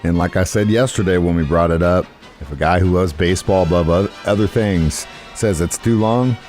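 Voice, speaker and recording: A man's voice: deep voice, normal speed, a little mellow, faint music behind. A man co-hosting a sports radio show in a casual, joking, conversational way.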